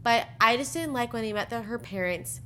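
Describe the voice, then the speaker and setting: A woman's voice: fairly high pitch, a little fast, bright, forceful tone, slight background noise. Chatty young woman, blunt and giggly. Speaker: podcast co-host. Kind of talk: casual chat about a reality dating show.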